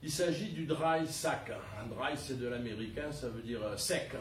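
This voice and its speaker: An older man talks through a casual gear demonstration in a chatty way, often pausing to hesitate. His voice sits back from the mic in a reverberant room. A faint background hum runs under him. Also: mid-range voice, lively intonation. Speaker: pilgrim showing gear. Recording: roomy and distant with faint background noise.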